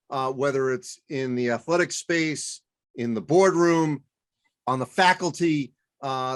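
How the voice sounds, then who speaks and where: A man's voice: mid-range voice, a bit bright. A man hosting an interview, asking loose, rambling questions full of fillers. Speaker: interview host. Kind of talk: conversational interviewing.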